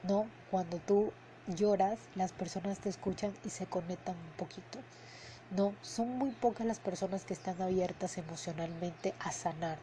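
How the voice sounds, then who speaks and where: A woman hosts a podcast in a casual monologue, earnest and heartfelt, often ending her sentences with a questioning "no?". Her voice is mellow and warm, with a faint hiss of noise behind it. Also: lowish voice, normal speed, rough recording. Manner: earnest, heartfelt, repeats words for emphasis. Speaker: podcast host and emotional coach. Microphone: headphones and podcast mic.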